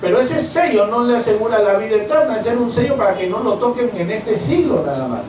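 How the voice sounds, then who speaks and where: A man's voice: high voice, expressive, fast talker, a little mellow, a little hiss or hum. A Peruvian man, a pastor, preaching a fervent sermon and acting out the voices of the people he quotes. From Peru. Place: church hall. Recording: echoey church from far off.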